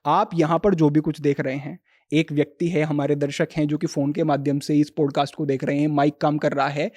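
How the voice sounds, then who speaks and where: On a podcast, a man with a voice on the high side speaks as a yoga teacher, calmly explaining spiritual ideas and quoting Sanskrit verses.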